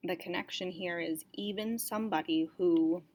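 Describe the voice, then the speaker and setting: A woman's voice: fairly low pitch, moderate pace, a little mellow. A woman teacher casually explaining a play in a chatty manner, with lots of "um" and "like".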